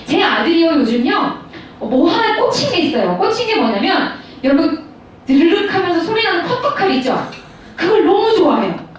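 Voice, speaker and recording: A woman pastor in her thirties giving a storytelling sermon to high school students, speaking directly to her listeners. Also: moderate pace. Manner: storytelling, animated, addresses audience directly. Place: large school hall. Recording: echoey hall, mic far off, faint noise.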